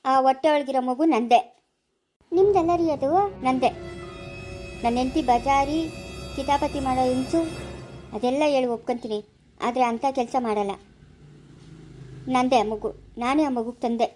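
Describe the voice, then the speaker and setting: A woman's voice: sits high, moderate pace, long pauses, faint music behind, lightly acted. A performer playing a patient husband who soothes and reassures his wife in an amateur family drama skit. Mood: pleading. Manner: calm, coaxing and reassuring.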